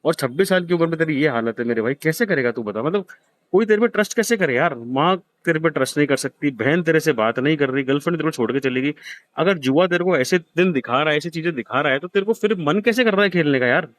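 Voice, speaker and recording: A man's voice: on the high side, lively intonation, fast talker, no room sound. A man in his thirties, hosting, gives a blunt, profane scolding to a gambler in a harsh heart-to-heart lecture. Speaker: host counseling a gambler.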